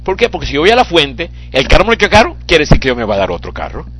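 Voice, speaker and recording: Male preacher, fiery sermon, fairly high and forceful, very animated pitch, hushed lows and shouted peaks. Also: rapid-fire, noisy background. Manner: swings from hushed whispers to tearful shouts.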